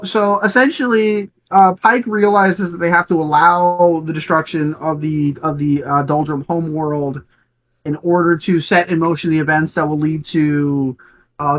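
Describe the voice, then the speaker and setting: A man on a podcast who talks in a loose, rambling way, full of ums and restarts, with a fairly high voice. The audio is dull and lo-fi. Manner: rambling, many fillers and restarts. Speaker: podcast co-host. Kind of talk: casual chat.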